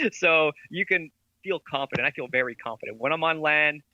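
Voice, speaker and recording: A man guesting on a podcast as an esports veteran and company head, telling stories in an animated way and laughing often. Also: on the high side, moderate pace, dry recording, muffled recording. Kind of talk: casual podcast interview.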